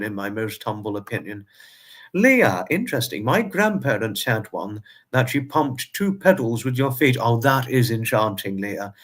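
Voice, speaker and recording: Young man, livestream host, chatty, repeats himself, formal turns of phrase. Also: medium pitch. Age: 20s. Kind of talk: casual livestream chat with viewers.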